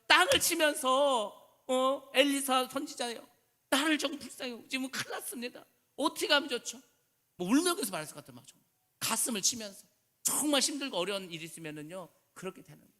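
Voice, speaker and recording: A male pastor preaching a sermon with passion, dropping to hushed storytelling and rising to loud calls. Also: high-pitched.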